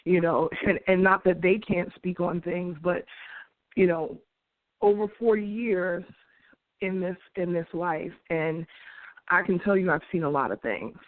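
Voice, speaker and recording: In a tinny, phone-like dry recording with no echo, a lowish-voiced host in her forties from New York shares her views unhurriedly. Her opinion monologue is earnest and conversational, dotted with restarts and light laughs.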